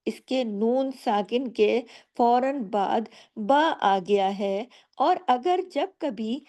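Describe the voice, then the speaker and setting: A patient woman teacher walks slowly through recitation rules, pausing to ask and answer her own questions. Her voice is a touch high but soft and mellow, and she never hurries. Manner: patient, explains each rule and asks rhetorical questions. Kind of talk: slow step-by-step tajweed lesson.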